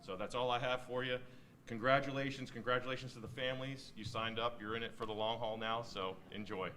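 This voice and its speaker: A man's voice: medium pitch, level tone, fast talker, noisy background. A middle-aged American man, a senior police officer, giving an informal, plain-spoken, encouraging speech to new recruits. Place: indoor ceremony venue.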